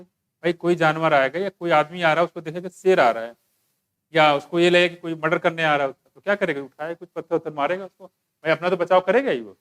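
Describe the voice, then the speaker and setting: A man's voice: on the high side, a bit bright, smooth. A male biology teacher giving an exam-prep lecture in a conversational way, asking rhetorical questions and mixing in English terms.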